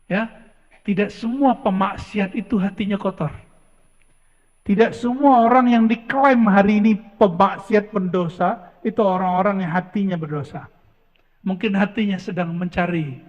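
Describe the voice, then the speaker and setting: A man delivers a sermon, his voice pitched high for a man. He tells his story with emphasis and drops in casual asides. The sound is muffled and echoes through a large hall. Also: moderate pace, a little mellow. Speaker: preacher.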